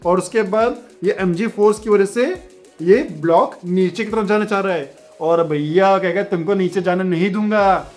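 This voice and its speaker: Man teaching physics, high-pitched and chatty, faint music underneath. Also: a little mellow. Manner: chatty, keeps asking "theek hai bachchon"; reads the question aloud slowly. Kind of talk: online physics lesson.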